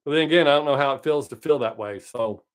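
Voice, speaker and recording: This livestream host, a man in his late fifties, speaks quickly in a mid-range voice. He keeps things casual and upbeat, replying to live viewers by name.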